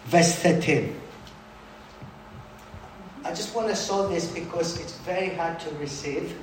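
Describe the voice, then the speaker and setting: Animated man preaching in an echoey hall. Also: a little high, unhurried, slight background noise. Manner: animated, conversational preaching with asides. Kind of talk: sermon. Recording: roomy hall sound with faint ambience.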